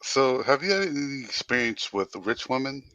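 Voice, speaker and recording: A man's voice: medium pitch, very animated, moderate pace, pushed and bright, dry recording, highs cut off. A man interviewing a guest with short, laid-back prompts and questions.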